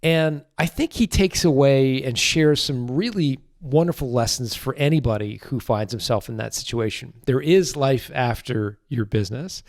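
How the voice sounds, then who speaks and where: A man hosting a business podcast, reading a steady introduction and then asking the guest short questions. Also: medium pitch. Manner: steady, clear delivery in intro, short prompts in interview. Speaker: podcast host.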